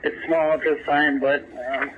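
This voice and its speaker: Man, police radio traffic, raised pitch, thin narrow-band transmission, dispatcher or officer. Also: level tone, a little slow. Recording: noisy, phone-like police scanner radio.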